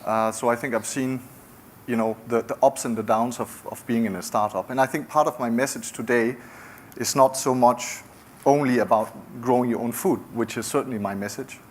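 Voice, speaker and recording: Delivering a founder's conference talk, a middle-aged man from Denmark speaks in a chatty, halting way, often starting sentences over. His Danish accent comes through in a mid-range voice with fairly even intonation, and a little hiss or hum sits under the recording.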